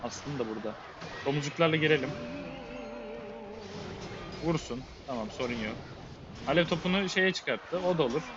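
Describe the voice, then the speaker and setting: A man's voice: fairly high pitch, normal speed, pauses often, muffled recording, over music. A man giving a live, muttered running play-by-play while he plays a game, often exasperated. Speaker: game streamer. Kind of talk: live gameplay commentary.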